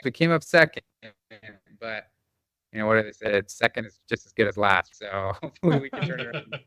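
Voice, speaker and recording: A man's voice: on the low side, expressive, brisk, pushed and bright, no echo. A man who grew up in the Bosnia and Croatia area, a company founder talking as a guest in a podcast interview, explaining with enthusiasm and many fillers. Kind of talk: conversational interview.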